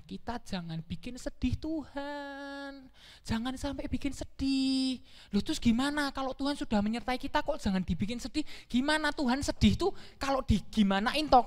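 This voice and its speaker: A woman's voice: on the high side, long reverb tail. A woman, giving a children's sermon as a Sunday school teacher, coaxing and asking the kids questions.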